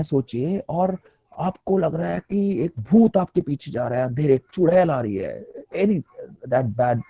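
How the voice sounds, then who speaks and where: A man giving a motivational stress-management talk to teachers, playful and animated, acting out little quotes. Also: high voice, gravelly, dry recording, muffled recording. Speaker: motivational speaker.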